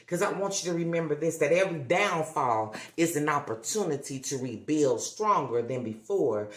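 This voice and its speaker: A woman hosting a motivational livestream who talks emphatically, repeats herself for effect and keeps checking in with the audience. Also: a bass voice. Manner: emphatic, repetitive, coaxing with tag questions. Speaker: livestream host. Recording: roomy echo.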